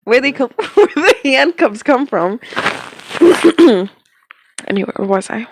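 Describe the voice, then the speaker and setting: A woman's voice: sits high, expressive, takes it slowly, background noise. A young woman casually reading a story aloud, giggling, flustered and stumbling over lines. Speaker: fanfic reader.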